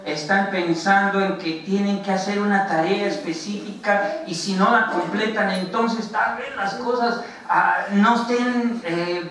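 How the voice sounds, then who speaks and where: A Mexican man preaches in a high, unhurried voice, pausing on filler sounds and asking his congregation rhetorical questions. He stands well back from the microphone in a church sanctuary. The room is very echoey, and a faint room sound sits behind him. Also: bright, forceful tone, slight background noise. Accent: Mexican Spanish. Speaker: pastor. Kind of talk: sermon. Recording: very echoey church, voice from far off the mic.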